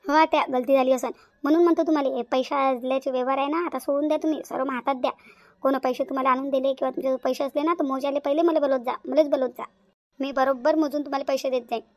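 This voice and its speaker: A woman's voice: sits high, fairly even intonation, darkish tone, no room sound, natural voice. A woman voicing a scheming young daughter-in-law in a cartoon, patronizing and bossy. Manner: patronizing, fast-talking. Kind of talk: cartoon voice acting.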